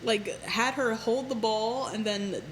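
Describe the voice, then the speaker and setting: A woman's voice: fairly high pitch, takes it slowly, slight background noise, low-quality recording. A woman co-hosting a podcast, chatting casually about a reality show, laughing often and using lots of fillers. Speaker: podcast co-host.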